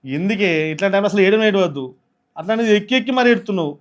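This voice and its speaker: A man playing a rapid-talking young husband with a Telangana accent. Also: high-pitched, animated. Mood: coaxing. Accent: Telangana Telugu. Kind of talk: village short film acting.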